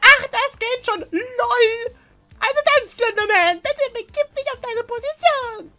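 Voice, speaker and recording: High, cute anime streamer girl. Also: a little slow, pushed and bright, faint music behind, full character voice. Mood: excited. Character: hyper, cute young female anime streamer and gym leader. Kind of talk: dubbing video game dialogue.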